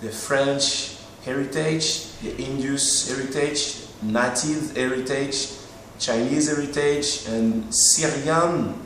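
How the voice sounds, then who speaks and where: Male guest, relaxed and rambling, recorded distant in a very roomy space. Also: medium pitch, slow, few pauses. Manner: loose and rambling, many fillers. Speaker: interviewee, musician. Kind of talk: casual interview answers. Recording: roomy echo, distant mic, faint noise.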